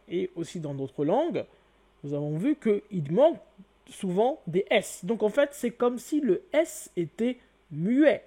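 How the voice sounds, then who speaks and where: A man with a slightly high, husky voice teaches an informal lesson. His tone is dark and mellow. He explains things patiently and circles back over each point again and again. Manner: repetitive, explanatory, many "donc" and "hein". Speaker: self-taught etymology teacher.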